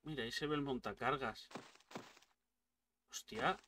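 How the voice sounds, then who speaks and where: Excitable, foul-mouthed gamer man. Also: on the high side, moderate pace, recorded from a distance, a little hiss or hum. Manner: excitable, swears a lot, yelps at jump scares. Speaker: gaming streamer. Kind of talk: casual let's-play commentary.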